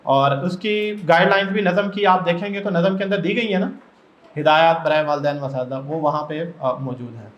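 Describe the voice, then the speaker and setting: A man from Pakistan training teachers in a workshop, explaining step by step and often putting questions to the room. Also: fairly high pitch. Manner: explains step by step and keeps asking the audience questions. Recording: echoey room, dull lo-fi sound.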